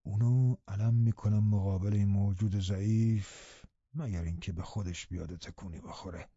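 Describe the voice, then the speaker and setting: A man voicing a bitter, scheming middle-aged man in an audiobook, speaking in a low, muttering, sardonic manner. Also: very animated, mellow, no room sound. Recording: dull, dry audiobook recording.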